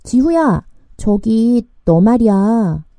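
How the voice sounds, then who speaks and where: A woman voicing a hopeful teenage girl who is shy about praise, reading her dialogue softly and earnestly from a storybook. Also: a little high, expressive, very slow, dry recording, full character voice.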